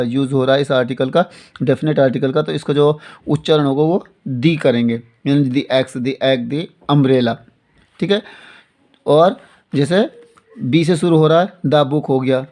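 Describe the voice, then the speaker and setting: A man teaching English grammar in Hindi, explaining slowly, repeating his points and often checking that students follow. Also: a little high, a little mellow. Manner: slow and repetitive, often asking "theek hai na". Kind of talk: classroom-style lesson explaining in Hindi with English examples.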